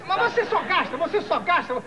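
A man's voice: extremely high pitch, sing-song, fairly quick, a crowd in the background, noisy background. An actor playing a flustered, exasperated male boss in a slapstick TV comedy sketch, impatiently correcting his assistant.

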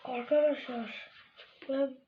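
A woman chatting casually to viewers in an ASMR-like style, softly murmuring and often dropping close to a whisper. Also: high voice, steady tone, slow pace. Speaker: video creator talking to viewers. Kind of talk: casual vlog chat while playing with slime, ASMR-like. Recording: dull lo-fi home recording, faint noise, clicking.

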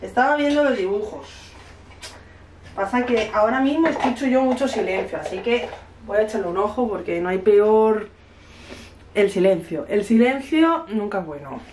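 A woman from Spain, a mother in her thirties, chatting to camera in her home kitchen. She tells a story and acts out each line of dialogue, her voice at a middle pitch, with a cough from a cold. Faint noise sits behind her. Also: lively intonation, normal speed, a little mellow. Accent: Spanish from Spain. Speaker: family vlogger, mother. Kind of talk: casual chat to camera.

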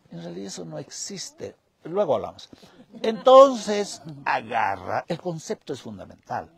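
Slow, gravelly man. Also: mid-range voice, darkish tone. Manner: slow, drawn-out storytelling with pauses. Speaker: spiritual guide. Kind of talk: telling a parable.

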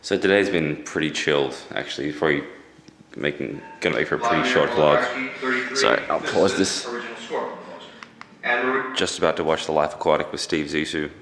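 Young man, extremely deep pitch, gravelly fry, swollen sore jaw, deadpan, casual handheld vlog. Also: fairly quick, rough recording. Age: young adult. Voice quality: gravelly, creaky voice. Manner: deadpan, dryly joking. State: swollen, sore jaw after wisdom teeth removal. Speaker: vlogger. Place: indoors at home. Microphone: handheld camera at arm's length.

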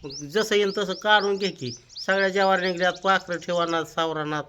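A man's voice: high voice, a little fast, sharp tone, slight background noise. An older man, giving scolding, practical farm instructions to the family. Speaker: farming elder of the family.

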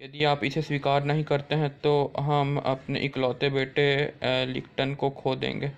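A man's voice: mid-range voice, monotone, measured pace, creaky, highs cut off. A man reading the lines of a firm middle-aged mother in his own voice, with no acting. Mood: reproachful.

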